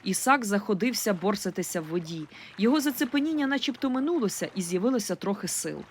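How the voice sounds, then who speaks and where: Woman, audiobook narrator, expressive, first-person storytelling, medium pitch. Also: fast talker, slight background noise. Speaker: audiobook reader.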